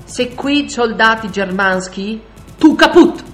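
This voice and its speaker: A woman voicing a gruff bearded Russian soldier, a man who barks short, clipped commands with slow, stressed words. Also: mid-range voice, animated, a bit bright, faint music behind. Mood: barking.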